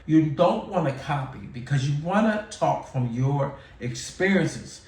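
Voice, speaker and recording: Giving frank, informal advice to camera, this forties-aged YouTuber repeats himself and relies on fillers in a chatty manner. His slightly high voice is expressive and darkish, a little slow, and comes through a distant mic in a roomy space.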